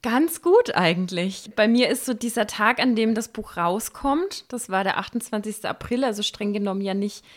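A woman's voice: mid-range voice, lively intonation, moderate pace, few pauses. A woman from Franconia talks as a podcast guest, a trace of Franconian accent left after stage training. She chats easily and laughs often, with a mid-range voice. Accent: Franconian, trained toward standard German. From Franconia, Germany. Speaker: guest author. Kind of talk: casual chat.

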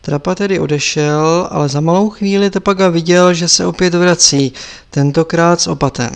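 A male audiobook narrator reads in a calm, measured way. His voice sits somewhat high for a man. The delivery stays steady and scripted throughout. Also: creaky, clear, resonant tone.

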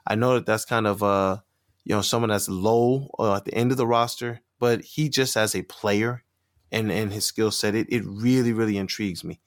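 A man's voice: lowish voice, fairly even intonation, normal speed, no echo, clean studio sound. A man who is a guest on a sports podcast, talking casually and hesitantly with many fillers.

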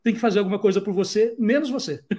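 High-voiced Brazilian man in his forties. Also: quick pace, dark tone. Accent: Brazilian Portuguese. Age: 40s. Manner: conversational, tags points with "né?". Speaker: speaker sharing opinions. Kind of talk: reflective talk on culture.

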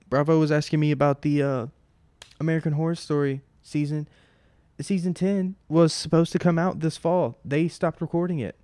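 A young man in his twenties riffs alone on his podcast in a smooth, resonant voice. He talks loosely and rambles, leaning on filler words and tossing in casual swearing. The sound is close and dry. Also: fairly high pitch, a little mellow, dry recording. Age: 20s. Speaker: podcast host. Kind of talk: casual solo podcast monologue.

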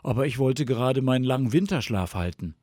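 A man's voice: medium pitch, expressive, a little fast, darkish tone, no echo, clean studio sound, lightly acted. A man voicing a sleepy, good-natured big male bear in a storybook reading, drowsy and easygoing.

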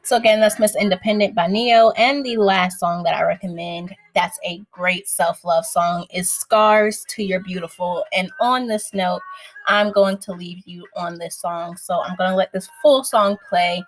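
A woman's voice: fairly low pitch, fairly even intonation, moderate pace. A woman hosting and chatting casually to her listeners about songs she loves, in an upbeat, friendly way. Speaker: host sharing song picks. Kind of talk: casual chat. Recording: faint music in the background.

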